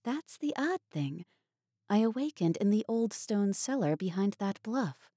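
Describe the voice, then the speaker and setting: A woman's voice: mid-range voice, very animated, measured pace, dark tone, breathy edge, dry recording, clean studio sound, pitched above the performer's own voice. A woman voicing a proud, earnest young woman who speaks wistfully.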